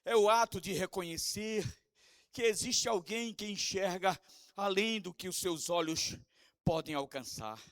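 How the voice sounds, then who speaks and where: A Brazilian man preaching in an unusually high voice, recorded close and dry with no room sound. He rises from soft, low asides to shouted, sing-song emphasis. He throws questions to the congregation and answers them himself. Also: measured pace, no room sound. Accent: Brazilian Portuguese. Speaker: apostle preaching. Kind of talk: sermon.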